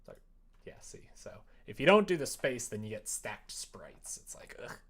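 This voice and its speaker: With wildly swooping pitch, a breathy edge, and a moderate pace, a medium-pitched livestream host mutters casually while building a visual novel at the computer, trailing off mid-thought. Behind them, the noisy room is full of typing and clicking.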